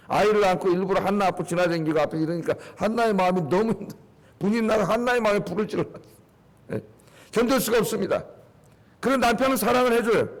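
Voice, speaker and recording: A male pastor preaching a dawn sermon, fervently, asking the congregation questions and slowing down to quote scripture. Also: high-pitched.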